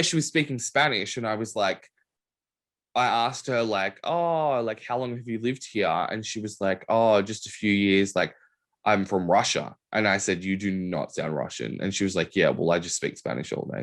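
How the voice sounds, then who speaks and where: A young podcast host chats casually in a lowish, fry-tinged voice at a moderate pace, telling stories animatedly and packing them with "like" fillers.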